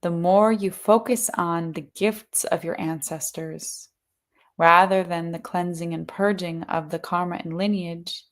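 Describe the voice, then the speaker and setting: A woman acting as a seance medium in trance, voicing a serene collective of spirits in measured, solemn pronouncements. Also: fairly low pitch. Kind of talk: trance channeling message.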